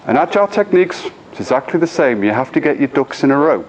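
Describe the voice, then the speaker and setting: Speaking fast with a very animated, medium-pitched voice, a middle-aged English conference speaker keeps checking in with his audience through frequent questions. The talk takes place in a conference room, captured on a low-quality recording.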